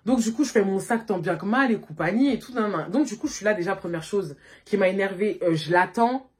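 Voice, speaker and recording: A woman vlogger telling a story in a casual, animated way, talking loosely and full of filler words, recorded on a phone. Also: mid-range voice, fairly quick, breathy edge. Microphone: phone camera.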